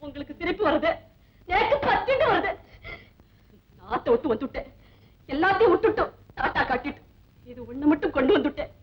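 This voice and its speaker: An actress playing a nagging, sharp-tongued young wife in a 1970s film comedy, swinging between laughter and sobs. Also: female voice, high voice, big pitch swings, a little fast, long pauses, slight background noise. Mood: complaining. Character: fed-up young wife of a turncoat husband. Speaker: exasperated wife. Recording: dull old film soundtrack.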